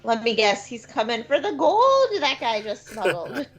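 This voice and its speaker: A woman chatting casually while watching a film, quick to react and joke. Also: a little high, very animated, a crowd in the background, low-quality recording. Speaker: movie reaction co-host. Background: film soundtrack playing.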